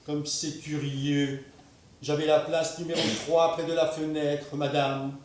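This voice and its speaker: Stiff polite gentleman played by a man, slow and level-toned, heard far off in a very echoey room. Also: on the high side, flat delivery, slight background noise, lightly acted. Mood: formal, wondering. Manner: slow, ceremonious, repetitive politeness. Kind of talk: stage play performance. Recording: echoey room, miked from afar.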